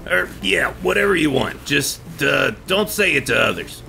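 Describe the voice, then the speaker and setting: A man doing a gravelly, grumpy stallion. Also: a little high, lively intonation, normal speed, sharp tone, faint music behind, exaggerated voice. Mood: annoyed. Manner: curt, annoyed, swearing. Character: gruff, impatient large male stallion. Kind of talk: fanfic reading, character voice.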